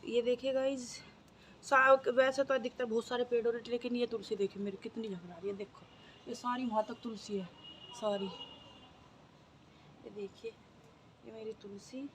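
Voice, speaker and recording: Woman, sore throat, chatty and repetitive, slightly high voice, phone recording outdoors, faint background noise. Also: fairly even intonation, moderate pace, long pauses. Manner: chatty, repeats herself, keeps saying "guys". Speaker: vlogger. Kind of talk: casual daily-life vlog. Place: rooftop, outdoors.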